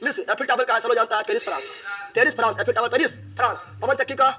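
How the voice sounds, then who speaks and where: A man's voice: extremely high pitch, steady tone, rapid-fire, bright, forceful tone. A man teaching an exam-prep lesson, asking questions and answering them himself, repeating each answer as a drill.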